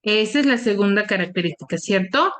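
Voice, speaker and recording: A woman's voice: mid-range voice, lively intonation, fairly quick, fairly bright tone. A woman teacher giving an online class who keeps quizzing her students with repeated questions. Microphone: computer mic on a video call.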